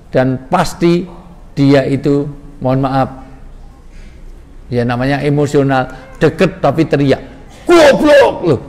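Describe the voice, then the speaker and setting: In a large mosque hall, a man gives an interactive sermon, joking with and directing his audience. His voice is a little high with a darkish tone, and the reverberant hall adds faint ambience.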